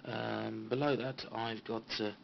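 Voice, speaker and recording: A British CB radio hobbyist with a low, gravelly voice shows off his equipment in a small home radio room, speaking at a measured pace with flat delivery. It's a casual, informal show-and-tell recorded on a handheld phone, sounding dull with faint background noise.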